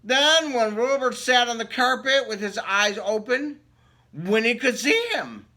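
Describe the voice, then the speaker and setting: Reading a picture book to kids in a very high, bright and forceful voice, this man keeps a measured pace. His performance is animated and playful, and he keeps turning to his young listeners with questions.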